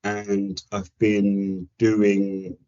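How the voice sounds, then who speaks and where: A Kenyan man in his forties with a London accent chats reflectively as a podcast guest, casual and self-deprecating. His voice is fairly low and dark, his delivery completely flat and extremely slow, and the audio is dull and lo-fi.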